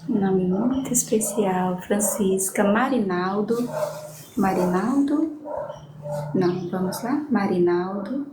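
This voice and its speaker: During a live-streamed prayer gathering, a church leader with a medium-pitched voice affectionately reads names and requests aloud at an unhurried pace. She keeps adding "amém" and "né," and the recording has room echo and ambient noise.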